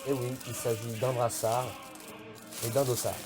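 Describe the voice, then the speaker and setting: A man's voice: medium pitch, level tone, normal speed. A young man presenting an unboxing video in a casual, hesitant way, with many fillers. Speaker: YouTuber unboxing militaria. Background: background music.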